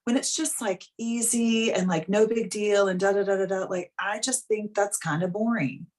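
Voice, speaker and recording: A woman's voice: mid-range voice, fairly even intonation, normal speed, a little mellow. A woman in her thirties, a life coach talking frankly and casually on a live coaching call, full of "like" and the odd swear word.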